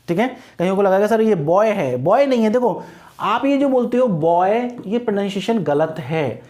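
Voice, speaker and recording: A man teaching an English grammar lesson, asking questions and answering them himself, and slowing down on English example phrases. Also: high-pitched, darkish tone.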